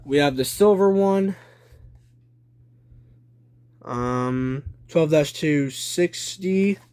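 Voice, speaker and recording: A young adult man, a hobby collector presenting a video, gives a casual show-and-tell narration at home in a small room, listing items deliberately in short phrases. His voice is on the high side, a little mellow and smooth. He holds the phone behind the camera, and the home video is noisy, with clicking.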